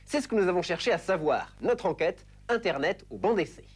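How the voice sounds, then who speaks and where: A woman announcer reading a promotional teaser for a broadcast in a crisp, punchy way. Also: fairly low pitch, expressive, a little fast. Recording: voice-over with music bed.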